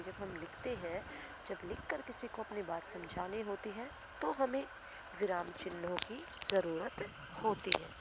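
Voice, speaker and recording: A woman's voice: mid-range voice, very noisy. A woman teacher giving a grammar lesson to young children, explaining patiently and repeating key points. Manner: patient, repetitive explaining with frequent "ठीक है".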